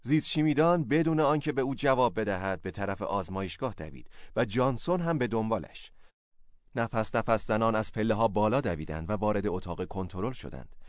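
A man reading a story as narrator, in a steady, measured way. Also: lowish voice, no room sound, clean studio sound. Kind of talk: scripted narration.

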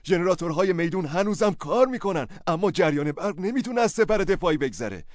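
A man voicing a frantic old male biochemist who talks breathlessly and shouts in a story reading. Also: very animated, dry recording, studio quality. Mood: excited. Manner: breathless, high-strung, shouting. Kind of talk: audio drama storytelling.

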